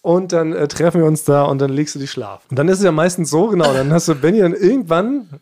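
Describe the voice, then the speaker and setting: A man with a slightly high voice who talks quickly. He leads a relaxed podcast chat among friends and teases them as he goes. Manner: teasing, leads the conversation. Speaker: podcast host. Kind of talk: casual chat.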